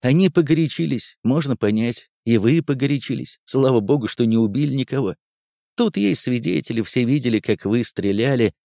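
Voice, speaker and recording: A man voicing a calm, shrewd male army lieutenant who speaks softly and persuasively. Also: mid-range voice, normal speed, no room sound, studio quality. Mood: soothing.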